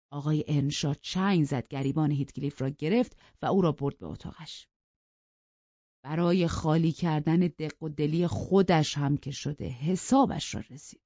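An audiobook narrator reading a novel in an even, calm and soft-spoken way. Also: medium pitch, dry recording. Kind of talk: scripted storybook narration. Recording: dull lo-fi dry recording.

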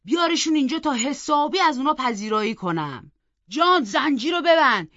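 A woman voicing a pompous, blustering older male magistrate who talks loud and indignant. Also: high-pitched, animated, dry recording, lo-fi sound, pitched above the performer's own voice. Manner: loud, indignant, self-important.

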